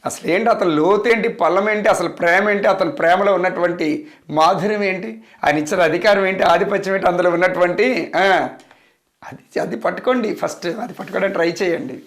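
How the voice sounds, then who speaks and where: A man's voice: sits high, brisk. A man preaching a sermon as pastor, emphatic and repetitive, firing off rhetorical questions. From India.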